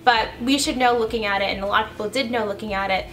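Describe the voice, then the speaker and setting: A young woman, a vlogger and YouTuber talking fast and chattily to her viewers. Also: medium pitch, a bit bright. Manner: fast, chatty, laughing asides. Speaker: YouTuber and blogger. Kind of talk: casual vlog commentary.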